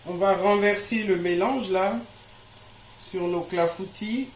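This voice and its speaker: Her medium-pitched voice is slow and fairly even in intonation. She's a home baking video host working indoors in her kitchen, talking to viewers as friends and confirming they follow along, with room echo and faint noise on the recording.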